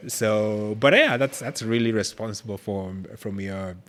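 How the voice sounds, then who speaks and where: Male host, lowish pitch, searching, filler-heavy questioner. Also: unhurried, fairly bright tone. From Kenya. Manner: hesitant, many fillers and restarts while forming questions. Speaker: podcast host. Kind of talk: conversational interview questions.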